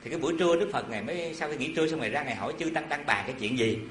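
A man giving a Buddhist dharma talk, telling a story in an animated, folksy way with asides to his listeners. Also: a little high, rapid-fire, slight background noise. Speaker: Buddhist preacher. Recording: echoey hall with faint ambience.

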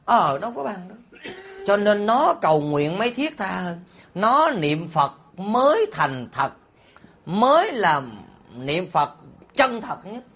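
A man, a Buddhist monk preaching a sermon. He is animated and teasing, and often puts rhetorical questions to his listeners. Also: high-pitched, slow. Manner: teasing and humorous.

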